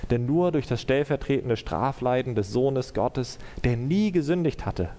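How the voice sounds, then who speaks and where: Guy preaching a sermon then praying, earnest and measured, dark mellow tone, big echoey hall. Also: medium pitch, animated. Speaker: pastor. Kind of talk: sermon and closing prayer.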